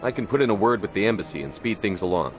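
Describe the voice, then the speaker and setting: Man acting as blunt military commander, low voice, hard-edged, game dialogue, light music behind. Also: animated, quick pace, close to an everyday voice. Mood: businesslike.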